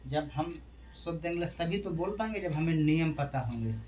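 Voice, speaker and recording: Faint music plays behind a male English teacher delivering a classroom lesson in Hindi. His voice is on the high side, expressive and darkish, at a normal speed, and he spells out letters singly while answering his own questions.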